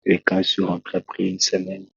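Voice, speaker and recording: His deep, gravelly voice stays monotone but has a fairly bright tone as this preacher recounts his testimony as a talk show guest. The storytelling is slow and halting, full of restarts, captured in a dull, lo-fi, dry recording with no room sound.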